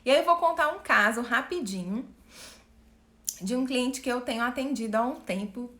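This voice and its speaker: Animated woman coach with a roomy echo. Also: a little high, moderate pace. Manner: animated, asks the audience questions, acts out quotes. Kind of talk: live-stream talk to viewers.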